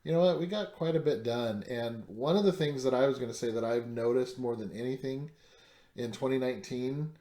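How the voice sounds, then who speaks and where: A man's voice: mid-range voice, fairly quick, warm tone, echoey room. A man co-hosting a podcast in casual chat, rambling with lots of fillers and restarts. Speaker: podcast co-host.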